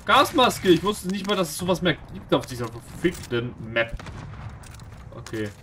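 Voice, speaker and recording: A man giving live gameplay commentary, jumpy and anxious, swearing and mocking himself, swinging from low mutters to sudden shouts. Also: lively intonation, moderate pace, background noise. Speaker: gaming streamer.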